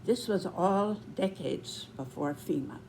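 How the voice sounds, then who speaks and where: A woman in her nineties giving reflective spoken commentary, with deliberate, measured phrasing and pauses. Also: on the low side, animated, darkish tone, a little hiss or hum, low-quality recording. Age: 90s.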